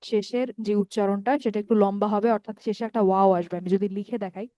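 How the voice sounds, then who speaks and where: A woman with a Bangladeshi accent teaching grammar over a call, her voice dark and mellow. The sound is dry and close, with no room around it. She goes step by step, draws out the vowels of each word form and keeps checking that her students follow. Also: mid-range voice, fairly even intonation, no echo. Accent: Bangladeshi Bengali. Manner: patient, explains step by step, often checks with "ঠিক আছে?"; repeats word forms slowly and draws out long vowels. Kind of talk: online grammar lesson.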